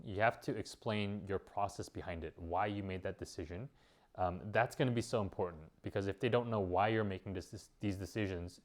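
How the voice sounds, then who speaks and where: A man giving casual vlog advice as a business owner, rambling with many fillers and restarts. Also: lowish voice.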